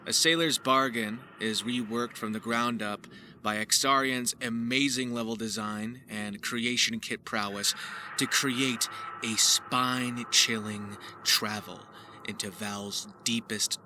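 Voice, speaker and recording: A man showcases his voice acting with a scripted, theatrical narration full of florid wording. His voice is fairly low and steady, delivered without hurry, over faint ambient noise.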